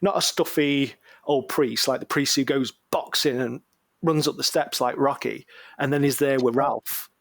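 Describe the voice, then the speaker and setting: A man's voice: medium pitch, normal speed, no echo. A man co-hosting a podcast and telling a case story in a rambling, slangy, jokey way, full of ums. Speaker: podcast co-host. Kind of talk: casual podcast chat.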